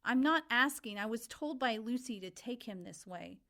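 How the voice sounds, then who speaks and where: A woman reading as Sophie, a calm, firm guide. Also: fairly high pitch. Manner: brisk and insistent, calmly firm.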